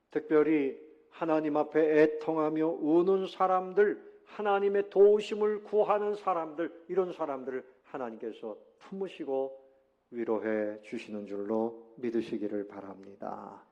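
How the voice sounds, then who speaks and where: A middle-aged male pastor preaching at an average male pitch. He tells the story at an even pace and quotes his characters in a low, hushed voice. The recording is a little dull and muffled. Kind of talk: sermon.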